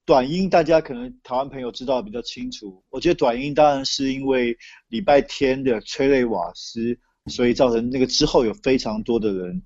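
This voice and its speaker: A man's voice: mid-range voice, a little fast, a little mellow, no room sound. A man from Taiwan with a Taiwanese Mandarin accent explains things conversationally as an interview guest over a remote call. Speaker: interview guest, political commentator. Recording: dull lo-fi remote call audio.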